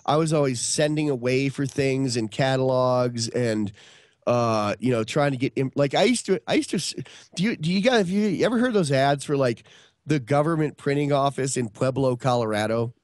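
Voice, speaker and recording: The voice is a man's, mid-range and somewhat dark, at normal speed with no echo. He's in his fifties, from upstate New York, and rambles through casual stories as a podcast guest on a video call, restarting often and using many fillers.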